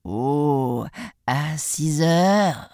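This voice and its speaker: A sly big bad wolf from a storybook, as a woman reader puts him on, with a slow drawl and a low, hushed tone. The recording is close and dry. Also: animated, vocal fry, dry recording, full character voice. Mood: coaxing. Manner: slow drawn-out coaxing delivery.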